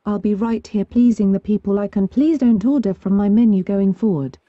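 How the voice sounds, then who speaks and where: A woman reading forum posts aloud at a steady pace, spelling out abbreviations letter by letter. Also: medium pitch, normal speed, dry recording. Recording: dull, lo-fi dry recording.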